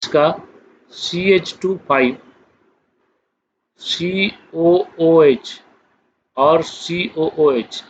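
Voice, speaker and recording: A man teaching chemistry in a slow classroom lecture, explaining step by step and checking that students follow. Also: on the high side. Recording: dull lo-fi recording with faint noise.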